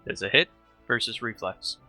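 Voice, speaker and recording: A man's voice: medium pitch, moderate pace, bright, forceful tone, soft background music. A man talking casually as a player in a tabletop game.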